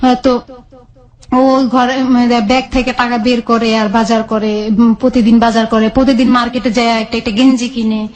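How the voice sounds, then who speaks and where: Woman, fairly high voice, rambling personal story, colloquial, restarts. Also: flat delivery, moderate pace, darkish tone. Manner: rambling, many restarts, colloquial dialect forms. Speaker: guest telling her life story.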